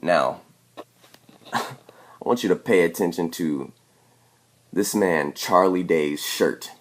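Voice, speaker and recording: A man with a very low voice talks through his theory over video clips. He drives each point home and keeps tagging on a questioning "okay?" as he goes. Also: takes it slowly. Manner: emphatic, repeats "okay?" to press points. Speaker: video commentator. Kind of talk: explanatory commentary over clips.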